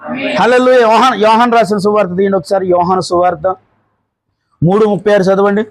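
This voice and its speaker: A man, a pastor preaching a sermon and calling for amens from the congregation, switching between loud exclamations and slow, low phrases. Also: fairly even intonation, poor audio. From India. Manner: call-and-response preaching, urging amens.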